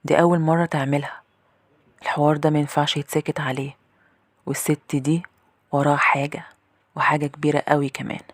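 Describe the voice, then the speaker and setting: A woman's voice: deep voice, level tone, fast talker, pauses often, dry recording. A woman with an Egyptian accent narrating a first-person horror story in a tense, confiding way. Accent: Egyptian Arabic.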